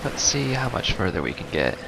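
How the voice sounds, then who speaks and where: Speaking fairly quickly with vocal fry, a man hosts a gaming video in a fairly low, very animated voice. His let's play commentary is casual, peppered with wry, self-deprecating muttered asides. A noisy close mic, placed too near his mouth, catches his breathing.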